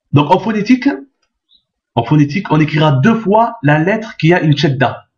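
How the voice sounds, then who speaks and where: Patient man teaching a lesson, lo-fi sound. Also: mid-range voice. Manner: patient, repeats each point, checks with "d'accord?". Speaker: Arabic teacher. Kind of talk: step-by-step language lesson. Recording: dull lo-fi sound.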